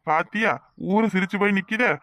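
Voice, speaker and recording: A man's voice: high voice, fairly quick, fairly bright tone, dry recording. A man voicing a preachy gossiping village uncle. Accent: Kanyakumari Tamil. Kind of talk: cartoon voice acting.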